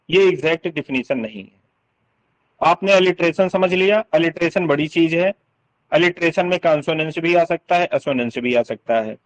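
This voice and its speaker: A man's voice: fairly high pitch, poor audio. Hindi-speaking man teaching English literature. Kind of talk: exam-prep lecture.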